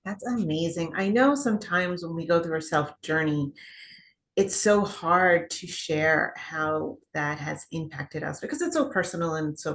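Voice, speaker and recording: Low-voiced lady hosting, upbeat, asks lots of questions, video call. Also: creaky. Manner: upbeat, persuasive, rhetorical questions. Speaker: interview host. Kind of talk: casual interview.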